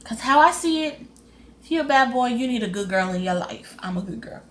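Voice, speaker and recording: A young woman, casually retelling a frustrating story in an animated vlog. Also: fairly high pitch, a little fast. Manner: animated, frustrated retelling with lively quoted voices. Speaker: vlogger.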